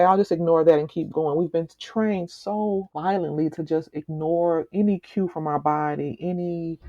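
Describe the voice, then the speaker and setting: A woman guest speaking slowly and earnestly in a reflective, meditative conversation. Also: sits low, dry recording. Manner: slow, meditative, earnest with soft laughs. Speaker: author guest. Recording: slightly muffled lo-fi recording.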